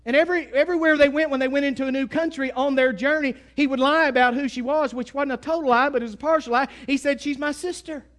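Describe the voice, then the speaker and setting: A man with an East Texas accent delivers a sermon in a very high voice. He is folksy and emphatic, jumping from loud bursts to quiet asides. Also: steady tone, fast talker, hardly any pauses. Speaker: preacher.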